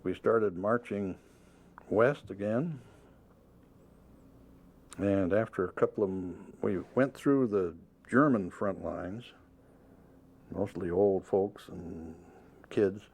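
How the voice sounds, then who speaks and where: An older man calmly tells his memories step by step. His voice sits fairly low and has a gravelly edge. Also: takes it slowly, long pauses. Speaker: former prisoner of war interviewee. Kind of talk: recounting memories.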